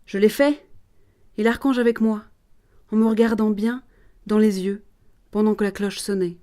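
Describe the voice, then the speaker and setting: A woman's voice: mid-range voice, steady tone, normal speed, warm tone, lightly acted. A woman voicing an earnest, devout young peasant girl in a read-aloud play. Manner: earnest, pleading.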